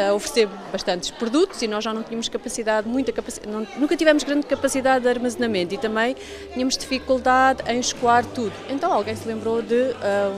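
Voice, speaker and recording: A woman in her forties with a European Portuguese accent, a community centre coordinator explaining at length with many fillers. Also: a little high. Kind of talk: interview. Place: large indoor hall with clothing stalls. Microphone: handheld reporter mic.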